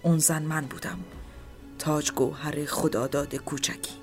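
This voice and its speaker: A woman's voice: sits low, steady tone. A woman telling a first-person story in a subdued, grieving manner, at times dropping to a whisper. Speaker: narrator. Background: soft background music.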